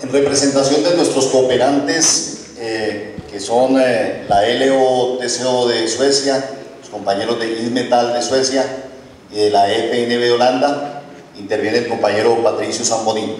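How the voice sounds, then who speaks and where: A man's voice: mid-range voice, fairly even intonation, a little slow, a little mellow. Man announcing speakers in a noisy, echoing hall. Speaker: master of ceremonies. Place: large echoey hall, heard from far off. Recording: echoey hall, distant, clearly noisy.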